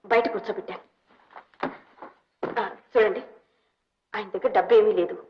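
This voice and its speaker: An actress playing a kind, compassionate young woman who speaks in a gentle, soft, pleading way in an old film scene. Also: mid-range voice, steady tone, normal speed, background noise, natural voice. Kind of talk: 1950s Telugu film acting. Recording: dull old film soundtrack.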